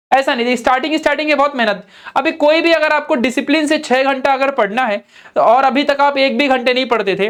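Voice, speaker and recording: A man's voice: extremely high pitch, a bit bright, clear, resonant tone. A young man with an Indian accent, an online teacher giving earnest, coaxing study advice straight to his students. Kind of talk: motivational study advice talk.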